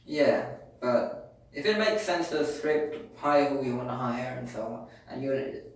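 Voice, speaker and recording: A man's voice: mid-range voice, measured pace. A British man co-hosting a podcast, arguing his points in a rambling, repetitive way during a casual debate. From Britain. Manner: rambling, argumentative, repeats himself. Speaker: podcast co-host. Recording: very echoey room, distant mic.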